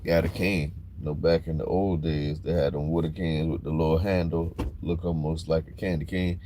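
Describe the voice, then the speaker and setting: A man talking bluntly and casually on a livestream, growing animated when he gets worked up. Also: extremely low pitch, normal speed, a little hiss or hum. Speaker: livestream host.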